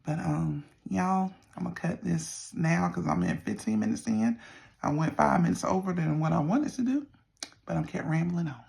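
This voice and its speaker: A middle-aged person with a Southern US accent and a creaky voice, chatting casually to viewers in a folksy, meandering way. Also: medium pitch, lively intonation, normal speed, a little mellow. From Southern United States. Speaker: vlogger. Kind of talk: casual rambling check-in to viewers.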